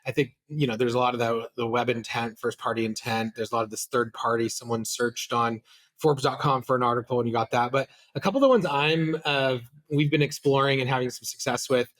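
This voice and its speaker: A man's voice: mid-range voice, fairly even intonation, fairly quick, a bit bright. A middle-aged man, a company CEO, speaking casually as a guest on a business podcast, with frequent fillers and restarts.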